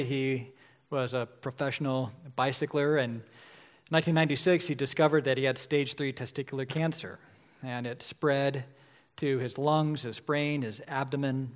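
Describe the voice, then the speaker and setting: A man in his forties preaching a sermon in a conversational way, often checking in with "right?". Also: mid-range voice. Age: 40s. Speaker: pastor.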